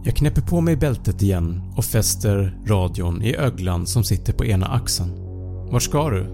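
Gravelly, dark-voiced male horror narrator. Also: lowish voice, expressive, soft background music. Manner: measured, suspenseful. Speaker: podcast narrator. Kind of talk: first-person horror storytelling.

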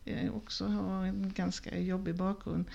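A woman who works on a school's staff, telling lively anecdotes in a casual podcast conversation. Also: medium pitch, vocal fry. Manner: lively storyteller, animated anecdotes. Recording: dull lo-fi sound.

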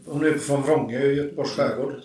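A man in casual chat, dropping short interjections and quick anecdotes. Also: mid-range voice, steady tone, a crowd in the background. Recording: distant roomy mic with clear background noise.

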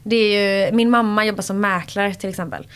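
A young woman from Borås, a pop singer, chatting as a podcast guest and telling animated stories. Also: mid-range voice, smooth. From Borås, Sweden. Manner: animated storyteller who acts out quoted voices and laughs often. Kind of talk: casual interview chat.

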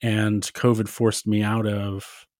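A man's voice: on the low side, level tone, slow pace, a little mellow, no echo, clean studio sound. A man talking casually and self-deprecatingly as a podcast guest, telling his own story.

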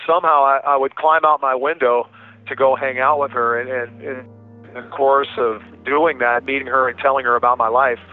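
A man's voice: mid-range voice, fairly even intonation, normal speed, faint music behind. A man being interviewed, telling a personal story in a candid, informal and emphatic way. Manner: informal, emphatic, quotes remembered speech. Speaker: interview guest. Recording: thin phone-like line.

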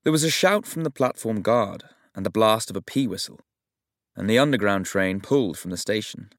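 A man reading a novel aloud as narrator in a measured, even storytelling manner. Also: lowish voice, no echo, studio quality. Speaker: audiobook narrator. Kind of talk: scripted narration.

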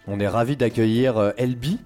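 A man's voice: mid-range voice, a little fast, warm tone, faint music behind. A man co-hosting a casual radio food show, talking hesitantly with many fillers. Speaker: co-host.

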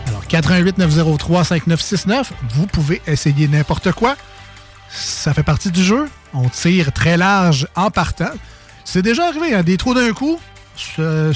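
A man with a Quebec French accent hosting a radio game show, playful and teasing, laughing often in casual banter. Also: high-pitched.

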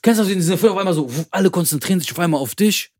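A young man telling a story in casual chat, animated, acting out the lines of the people he quotes. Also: high voice, racing, no room sound, clean studio sound. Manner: animated, acts out interrogators' lines, says Bruder. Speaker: podcast guest telling his story.

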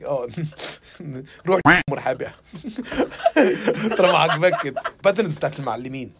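A man's voice: fairly high pitch, animated, a little fast, creaky, very noisy. A young man with an Egyptian Arabic accent, hosting a comedy podcast and riffing mockingly, slipping into impressions. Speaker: podcast host.

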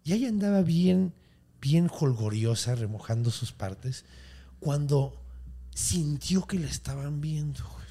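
A man's voice: a little high, expressive, measured pace, dark tone, husky. A man telling a scary legend as a comedy, full of slang and swearing. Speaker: storytelling podcast host. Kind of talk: comedic storytelling.

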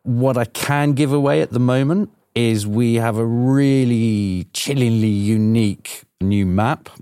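A man's voice: medium pitch, measured pace, dark tone, clean tone, no room sound, studio quality. A man, a producer, talking eagerly on a podcast, hedging with lots of fillers and restarts. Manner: enthusiastic, hesitant with many fillers. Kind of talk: casual podcast chat.

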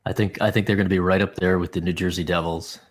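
A man's voice: low voice, flat delivery, fast. A man co-hosting a casual sports podcast, laid-back and brief in his replies. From Canada. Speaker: podcast co-host.

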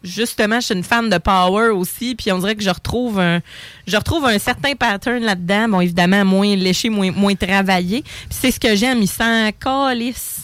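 A woman's voice: mid-range voice, normal speed, a bit bright, no echo. A woman with a Québécois French accent in casual podcast chat, telling anecdotes in a loose, chatty way with many fillers. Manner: chatty storyteller, lots of "tu sais". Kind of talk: casual chat about metal music.

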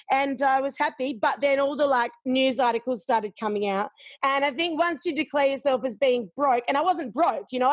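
A woman's voice: sits high, dry recording. A middle-aged Australian woman chatting candidly, swearing freely and acting out what others said. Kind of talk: casual chat.

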